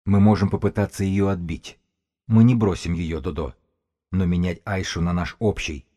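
A man playing a wiry, sharp-tongued runner. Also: low-pitched, moderate pace. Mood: persuasive. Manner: persuasive, insistent, cutting. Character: small, wiry, angry male runner, sharp-minded.

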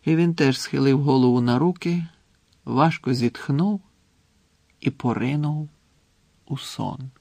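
A man reading an audiobook in a steady, measured storytelling manner on a close mic. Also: medium pitch, gravelly, no echo. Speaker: audiobook narrator.

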